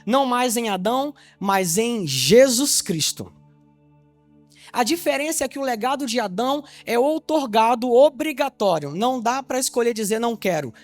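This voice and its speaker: Faint music plays behind this Brazilian pastor from Salvador, Bahia, whose very high voice has lively intonation and normal speed, with no echo. Delivering an evangelistic sermon to his congregation, he poses rhetorical questions and repeatedly makes sure they're following.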